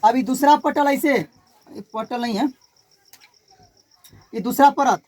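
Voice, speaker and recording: A man's voice: extremely high pitch, takes it slowly. Bihari-accented male teacher drilling terms. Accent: Bihari Hindi. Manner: repeats key terms and quizzes the class in call-and-response. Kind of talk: classroom physics lecture.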